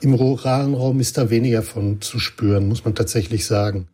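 A man with a husky, mellow voice explains his research findings in an interview. He talks at an even, explanatory pace and sometimes pauses on a filler. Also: mid-range voice. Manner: explanatory, with some hesitant fillers. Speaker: linguistics researcher. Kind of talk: interview answers.

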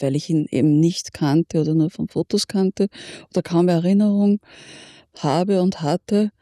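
An older Austrian woman talks in an interview with a mellow, warm voice. She circles back over her thoughts as she speaks. The sound is dry and close. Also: low voice, dry recording. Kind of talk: reflective interview.

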